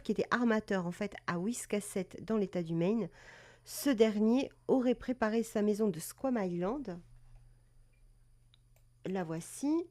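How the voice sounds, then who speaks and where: A woman's voice: fairly high pitch, dark tone. Chatty woman hosting a live stream. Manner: chatty, many fillers and self-corrections, greets viewers. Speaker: live streamer presenting cat breed history. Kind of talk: casual live-stream talk.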